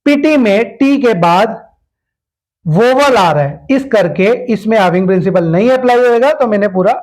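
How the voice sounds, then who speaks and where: A man's voice: high-pitched, animated, normal speed, darkish tone, low-quality recording. A man teaching a step-by-step shorthand lesson, patiently repeating each rule with examples.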